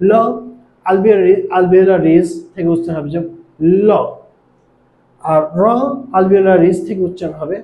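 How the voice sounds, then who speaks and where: High-voiced Bangladeshi male teacher, echoey room. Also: steady tone, phone-quality sound. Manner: slow, step-by-step explaining with pauses and "ah" fillers. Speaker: English teacher. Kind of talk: pronunciation lesson.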